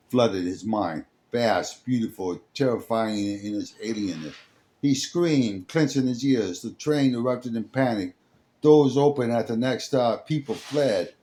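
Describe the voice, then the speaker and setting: Acting as storyteller and host, a man narrates a dramatic scripted story in a lowish, warm voice. His delivery is halting, and he sometimes trips over words.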